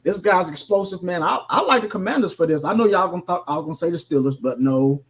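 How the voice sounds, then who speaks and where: A man's voice: high voice, expressive, quick pace. A man co-hosting a casual sports radio show, rambling with many fillers. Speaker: co-host.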